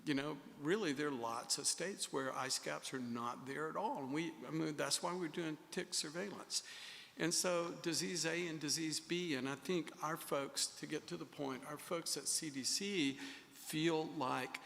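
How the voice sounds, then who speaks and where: Gravelly guy from a health agency, slow and hesitant, lots of um, echoey hall. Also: fairly high pitch, a bit bright, slight background noise. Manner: measured, hesitant, many fillers. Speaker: public health official. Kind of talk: formal meeting discussion.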